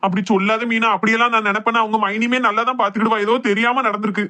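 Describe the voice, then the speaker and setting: A sleepy, indecisive young husband, voiced by a woman, speaking hesitantly in Kanyakumari Tamil. He talks fast in a fairly high voice and keeps trying to placate both sides. He is a character from a family comedy skit. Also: level tone, pushed and bright. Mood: placating.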